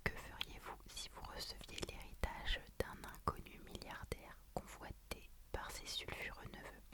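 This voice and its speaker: A woman doing ASMR in a soft, breathy library whisper, talking about books and reading out blurbs. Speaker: ASMR creator.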